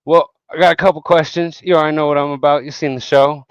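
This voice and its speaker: A man's voice: fairly high pitch, fairly even intonation, quick pace, clean tone, no echo, highs cut off. Hyped slangy male podcast host. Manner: hyped, slangy, swears freely. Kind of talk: casual podcast interview.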